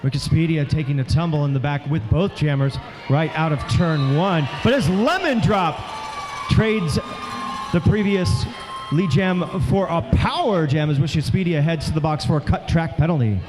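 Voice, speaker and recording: A man's voice: on the high side, a little fast, hardly any pauses. A man announcing team rosters and giving color commentary on a junior roller derby game.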